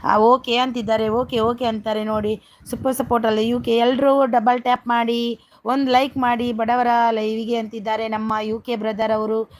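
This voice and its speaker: Woman live-stream host on a phone, slightly higher voice, chatty, names viewers and asks for likes. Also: little pitch movement, moderate pace. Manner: reads out viewer comments, greets each viewer by name, keeps asking for likes. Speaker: livestream host. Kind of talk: casual live-stream chat.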